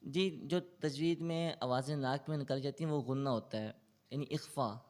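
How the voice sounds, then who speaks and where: A man's voice: mid-range voice, a little mellow. A man with a Pakistani Urdu accent, a Quran tutor answering interview questions and explaining tajweed patiently. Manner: recites in slow melodic chant; explains patiently with English loanwords.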